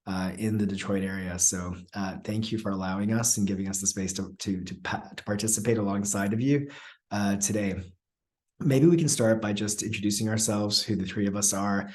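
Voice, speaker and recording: A man facilitating an online session, speaking in a relaxed way with many fillers and pauses over a video call. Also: low-pitched. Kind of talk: online webinar talk.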